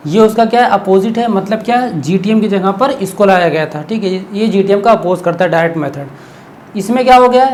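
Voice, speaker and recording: A man teaching an exam-prep class at a brisk, rapid clip. His voice sits high for a man. He keeps the lesson casual, answers his own questions and checks in with a steady "okay?". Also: a little hiss or hum. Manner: explains by asking himself questions, keeps adding "okay?"; relaxed, conversational teaching tone.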